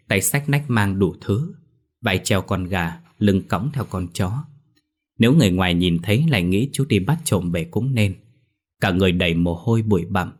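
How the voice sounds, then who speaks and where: A man narrating a ghost story in a steady, even storytelling way. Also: deep voice.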